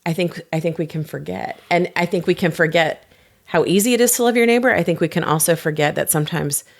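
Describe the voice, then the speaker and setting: A pastor in her forties with a low, slightly gravelly voice. She tells stories animatedly in a casual podcast chat and drops quick playful asides as she goes. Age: 40s. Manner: lively storyteller, quick laughs, animated asides. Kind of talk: podcast conversation.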